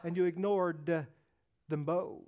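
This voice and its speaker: A man's voice: fairly high pitch, fairly even intonation, measured pace, darkish tone, lo-fi sound, voice pushed down, close to an everyday voice. A man voicing God scolding a stubborn man in a joke told from the pulpit. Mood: exasperated. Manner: scolding, exasperated.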